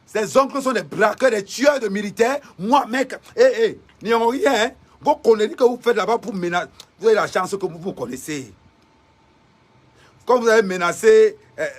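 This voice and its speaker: A woman's voice: mid-range voice, breathy edge. A woman from Cameroon, delivering a defiant, fiery political rant to viewers, repeating rhetorical questions.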